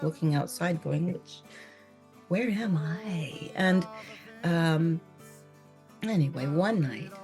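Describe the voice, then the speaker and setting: A woman's voice: lowish voice, a little mellow. An American woman from California telling a story in a chatty way, laughing often and acting out her own reactions. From California, United States. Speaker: vlogger. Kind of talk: casual storytelling.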